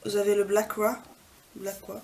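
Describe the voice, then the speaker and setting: A woman beauty vlogger, soft-spoken, walking through makeup swatches in a casual way at home and often dropping to a near whisper. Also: medium pitch, flat delivery, moderate pace, slight background noise, poor audio. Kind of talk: casual product swatch walkthrough. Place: home apartment.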